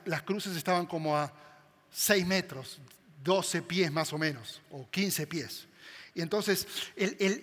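A man delivers a sermon in a high, bright voice. He swings dramatically between loud emphatic bursts and hushed, quiet passages. A long reverb from a large hall trails his words. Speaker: preacher.

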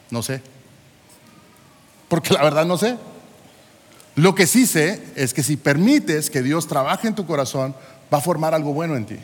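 Preaching pastor in his forties, high male voice, long hall reverb. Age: 40s. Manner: rhetorical questions, emphatic. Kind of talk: sermon.

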